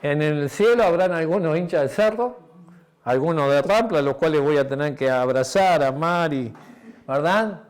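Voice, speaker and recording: Slightly high in pitch and moderate in pace, a male pastor gives a sermon in Spanish with a Uruguayan accent. His personal anecdote features dramatized dialogue and plenty of tag questions, and he turns quiet and intimate as he finishes.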